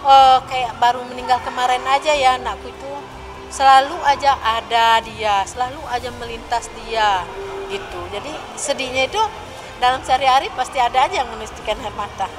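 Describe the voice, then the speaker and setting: An older woman, a grandmother, speaking softly and tearfully in an emotional interview with reporters. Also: on the high side, brisk, music in the background. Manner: soft, tearful, heartfelt.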